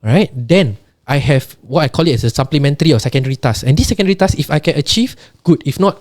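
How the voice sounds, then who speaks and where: A man with a Singaporean accent talks quickly in a soft-edged, mellow voice. He explains casually and emphatically, repeating words and checking in with little tags. The sound is close and dry. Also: a little high, expressive, no echo. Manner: emphatic, repetitive, often tags sentences with "right" and "lah". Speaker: podcast guest.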